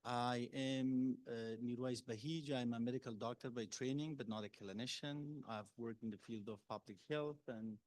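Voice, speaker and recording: A man from Afghanistan, a public health policy advisor, speaking on a panel with many pauses and filler sounds. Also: medium pitch, fairly even intonation, darkish tone, no echo, rough recording. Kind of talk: panel talk. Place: exhibit hall panel.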